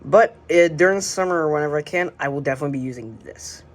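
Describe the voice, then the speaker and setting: Racing along in a medium-pitched voice, a radio hobbyist presents his collection from beside his shelves at home. His tour is unscripted and rambling, hesitant and often trailing off, on a noisy amateur recording.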